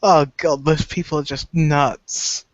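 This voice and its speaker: A man's voice: on the high side, fairly even intonation, slow pace, no echo, lo-fi sound. Laid-back man hosting a live stream. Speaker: stream host. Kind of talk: casual chat.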